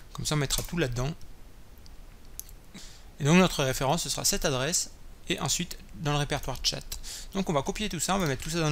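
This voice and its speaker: A man's voice: on the high side, fairly bright tone, slight background noise. A man hosting a coding tutorial, thinking aloud while typing, with many fillers and self-corrections. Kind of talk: screen-recorded coding tutorial. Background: keyboard typing and clicks.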